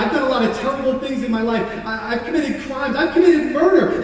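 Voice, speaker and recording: A man acting out a remorseful condemned criminal in a church monologue, speaking earnestly and halting, repeating words as he goes. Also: extremely high pitch, a little mellow. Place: large church sanctuary. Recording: echoey hall from far off.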